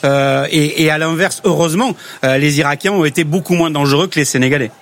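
A man commentating live sports on radio, halting and heavy with fillers. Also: on the high side, fairly bright tone.

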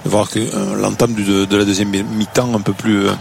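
Animated male football pundit on radio. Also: fairly low pitch, fairly quick, creaky, slight background noise. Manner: animated, many fillers and restarts, enthusiastic about the game. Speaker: football consultant. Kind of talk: live match analysis on radio.

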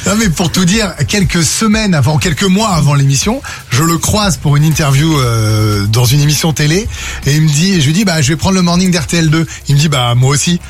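A man's voice: on the high side, animated, a little fast, noisy background. A man hosting a radio morning show, talking loosely with lots of fillers and teasing his guests. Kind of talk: casual radio chat. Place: radio studio.

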